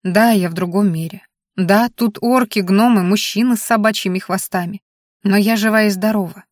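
A woman narrating a first-person audiobook with a lively, expressive delivery. Her voice sits at a mid pitch, and the recording is dry and close, with no room sound. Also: moderate pace, no echo. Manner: lively, expressive reading with character dialogue.

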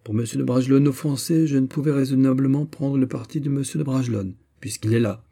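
A man's voice: mid-range voice, fast, gravelly, warm tone, voice pushed up. A man voicing a haughty English duke who speaks with cool, defiant arrogance.

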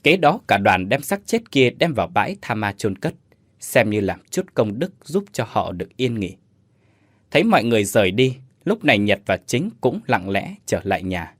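A man's voice: lowish voice, big pitch swings, normal speed, no room sound. Guy narrating a spooky tale, voice rising and falling a lot, super dry close sound. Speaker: storyteller. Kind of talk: audio ghost story narration.

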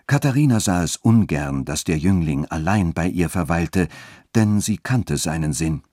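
A man's voice: low voice, animated, moderate pace, mellow, no room sound. A man narrating a literary story, reading expressively in a studio.

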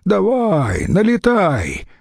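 A male audiobook reader voicing a brash, hot-headed young Roman who blusters and shouts. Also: high-pitched, huge pitch swings, very slow, gravelly, breathy edge, no room sound, clean studio sound, pitched above the performer's own voice, heavily acted. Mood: defiant.

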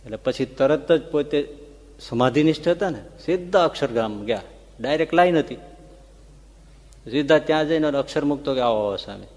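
A man retelling a devotional story as a sermon, his voice rising with feeling and dropping soft for the tender parts. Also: on the high side, normal speed, long pauses. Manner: tells the story with emotional rises and soft dips. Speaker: religious storyteller. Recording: long reverb of a large hall.

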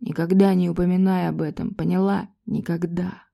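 Woman reading a curt, growling man, cold and threatening, soft mellow voice. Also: fairly low pitch, flat delivery, normal speed, vocal fry. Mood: furious. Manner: clipped, growling, menacing.

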